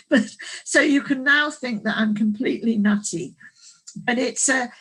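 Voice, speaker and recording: A woman author, a guest on a panel, telling a story in a reflective, halting way. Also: fairly high pitch, a bit bright, husky, low-quality recording. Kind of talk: casual panel discussion.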